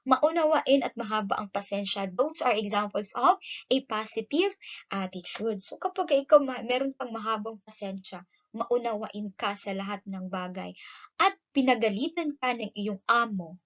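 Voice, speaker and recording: Lively Filipino woman teaching a lesson. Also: on the high side, highs cut off. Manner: code-switching, frequent "no?" tag questions, lively emphasis. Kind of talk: classroom lesson.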